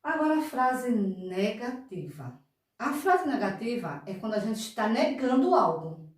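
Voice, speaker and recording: A Brazilian woman teaching a grammar lesson to small children, speaking very slowly and patiently. She repeats each point and checks in with the class as she goes. Her voice sits back from the microphone in a strongly echoing room. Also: a little high, big pitch swings, far from the mic. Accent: Brazilian Portuguese. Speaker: primary school teacher. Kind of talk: slow, deliberate remote grammar lesson for young children. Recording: echoey room, voice off-mic.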